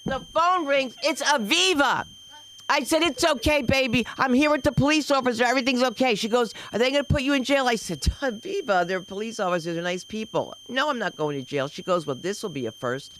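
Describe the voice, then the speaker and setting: An older woman of Dominican heritage doing stand-up, telling a story with lots of exclamations and quick switches into other people's voices. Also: fairly high pitch, slight background noise, poor audio. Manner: animated, shifts voices for characters, exclamatory. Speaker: stand-up comic. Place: comedy club open mic.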